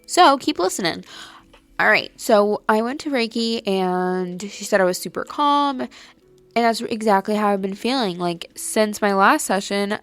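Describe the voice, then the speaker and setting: A young woman records a casual solo podcast at home late at night, rambling with frequent "like" fillers, her nose a little stuffy. She speaks unhurriedly and expressively in a mid-range, fairly bright voice, with no echo and soft music behind her.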